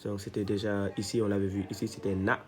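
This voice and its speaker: A man teaching a reading lesson step by step, patient and repeating each syllable slowly so learners can follow. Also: fairly low pitch, flat delivery. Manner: slow, patient, repeats syllables to model them.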